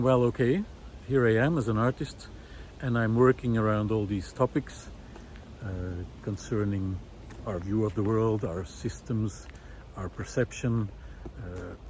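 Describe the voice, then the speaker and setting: With a mid-range, darkish voice over slight background noise, a man delivers a reflective, unscripted monologue. He is a visual artist who now hosts an ecology project, and he pauses thoughtfully, hesitating as he looks for the right words.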